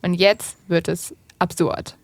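A woman's voice: fairly low pitch, fairly even intonation, slow pace, vocal fry, no room sound. A young adult woman hosting a podcast, telling a true-crime case in a casual storytelling manner with colloquial fillers. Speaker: podcast host.

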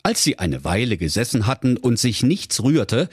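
Male narrator, comic fairy tale, husky, lively melody, dry sound. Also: medium pitch, moderate pace, no room sound. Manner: mock-solemn storytelling.

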